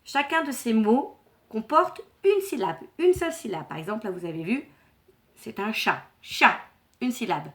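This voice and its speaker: A woman teacher giving a lesson to young children, encouraging them and pronouncing words slowly and clearly. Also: a little high, expressive. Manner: warm, encouraging, slow and clearly articulated; syllables stretched and repeated for children.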